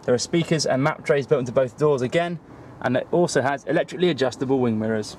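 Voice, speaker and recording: A man's voice: medium pitch, quick pace, darkish tone, slight background noise. A man with a Welsh accent, presenting a car in a scripted walkaround on an outdoor dealership forecourt. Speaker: car salesman presenting a vehicle.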